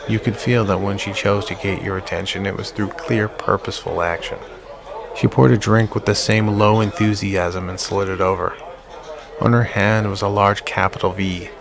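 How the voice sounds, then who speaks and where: A man narrating a psychological horror audiobook in a measured, slow-burn way. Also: fairly low pitch, gravelly.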